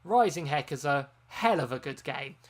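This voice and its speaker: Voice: mid-range voice, expressive, normal speed. Streamer host, loose rambling chat, lots of ums, tired from a long live stream. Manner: rambling, chatty, frequent ums and self-corrections. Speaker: game channel host.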